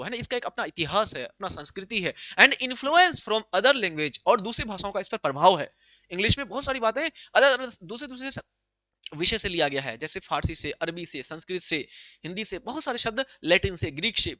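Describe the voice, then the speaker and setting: Bihari teacher guy doing exam prep, super bright voice, dry room. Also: sits high, dry recording. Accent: Bihari Hindi. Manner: repeats "pyare bachchon" and "hai na", reads English lines slowly then explains them.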